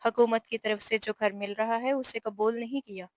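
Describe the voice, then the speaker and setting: A woman's voice: fairly high pitch, steady tone, normal speed, darkish tone, dry recording, lightly acted. A woman voicing a widowed mother who scolds her only son firmly and emotionally in a storybook reading. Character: stern widowed mother, protective and tearful.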